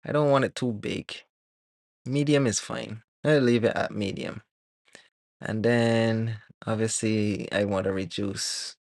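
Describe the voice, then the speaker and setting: A man from Barbados, streaming live as a 3D artist, chatting casually and thinking aloud with many pauses and fillers while he works. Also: fairly low pitch, creaky, no room sound, studio quality. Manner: relaxed, rambling, thinks aloud with many ums.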